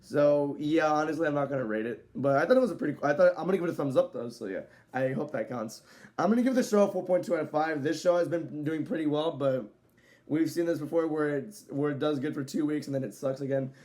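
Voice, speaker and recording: A man giving a casual, rambling video review, filling pauses with "so, yeah" and now and then speeding up. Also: fairly high pitch, darkish tone. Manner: rambling, loose delivery with frequent "so, yeah" fillers; at times speeds up. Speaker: wrestling show reviewer.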